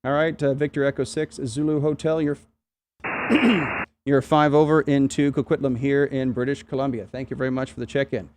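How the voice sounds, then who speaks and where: A man's voice: medium pitch, little pitch movement, normal speed, background noise. A man casually running an amateur radio net, taking check-ins with phonetic call signs.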